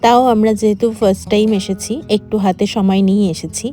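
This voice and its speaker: A woman's voice: mid-range voice, flat delivery, fast, mellow, faint music behind. A woman narrating a travel vlog, dropping in some English words. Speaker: travel vlogger.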